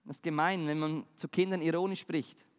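High-voiced man explaining in a reverberant room. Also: fairly even intonation, fairly quick. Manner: conversational, addresses viewer directly, asks questions. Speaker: presenter explaining language and communication. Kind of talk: explanatory video talk addressing the viewer.

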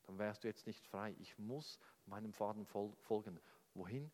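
A man's voice: on the low side, normal speed, darkish tone, close to an everyday voice. A man quoting an earnest little girl in a church hall. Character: eager, trusting eight-year-old girl. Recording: long hall reverb.

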